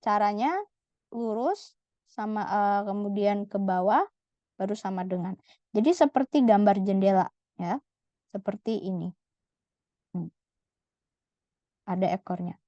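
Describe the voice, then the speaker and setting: A woman's voice: mid-range voice, measured pace, long pauses, warm tone, no echo. A woman teaching Korean letters in a patient, step-by-step way, sounding out each syllable and repeating it. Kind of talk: slow step-by-step lesson. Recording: slightly dull lo-fi audio.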